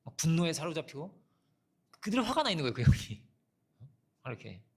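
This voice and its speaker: A middle-aged pastor with a husky, slightly high voice delivers his sermon very animatedly and a little fast. He preaches conversationally, uses personal anecdotes and rhetorical questions, and often asks a rhetorical "어?".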